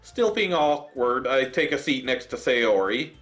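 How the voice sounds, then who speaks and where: A man's voice: mid-range voice, unhurried, soft background music. A man gaming YouTuber reading a visual novel aloud, cracking jokes between lines. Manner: animated, joking.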